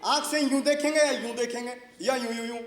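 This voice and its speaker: A vain, flirty sitcom neighbour with a very high voice. He brags and jokes between laughs. The sound is roomy. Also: steady tone, brisk. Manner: boastful, jokey, laughing. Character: vain flirtatious middle-aged neighbour who insists on being called doctor. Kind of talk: sitcom acting. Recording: roomy studio set.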